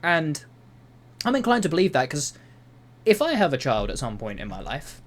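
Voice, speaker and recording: A young man reads reddit posts and reacts to them, swearing freely and drifting into rambling asides. His pitch swings widely, climbing and dropping as he goes. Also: huge pitch swings, normal speed. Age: young adult. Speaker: YouTuber. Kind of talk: reading reddit posts with commentary. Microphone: voice-over over gameplay footage.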